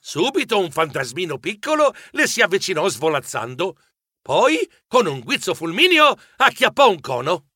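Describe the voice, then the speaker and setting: A man narrating a children's story aloud in an expressive, playful way. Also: sits high, normal speed, no echo, clean studio sound.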